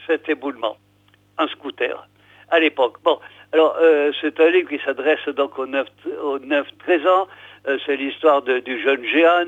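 A man's voice: medium pitch, no room sound. Older man hosting radio, hesitant. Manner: hesitant, full of "alors" and "euh". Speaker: radio host. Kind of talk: presenting and reading a book aloud on radio. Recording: tinny phone-like radio sound, dry.

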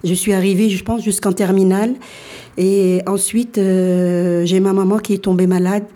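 A woman in her sixties, born in Algeria, telling her life story as a radio guest and often pausing to restart her sentences. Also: medium pitch, flat delivery, warm tone. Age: 60s. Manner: hesitant, many fillers and restarts.

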